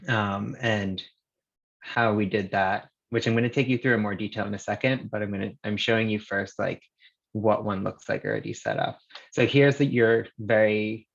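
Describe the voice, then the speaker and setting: Low, gravelly male presenter, heard through a dull screen recording of a video call; casual and hesitant, full of fillers. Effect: screen-recorded video call audio. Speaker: engineer presenting a demo. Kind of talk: live software demo on a video call.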